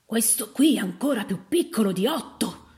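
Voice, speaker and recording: A woman's voice: medium pitch, fairly even intonation, slow pace, darkish tone. A woman voicing a fussy, curt middle-aged husband who speaks stiffly and gloomily in a storybook reading.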